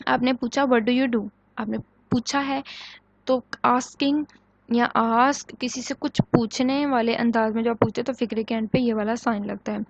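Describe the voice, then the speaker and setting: Higher-pitched woman lecturing on grammar. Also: fairly even intonation, highs cut off. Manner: explains in Urdu-flavored Hindi, reading English example sentences slowly; asks the class questions and answers them herself. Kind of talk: recorded online lecture.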